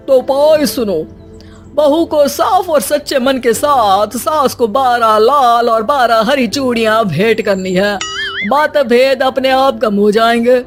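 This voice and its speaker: A woman voicing a smug fake holy man in a cartoon, pronouncing remedies pompously. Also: fairly high pitch.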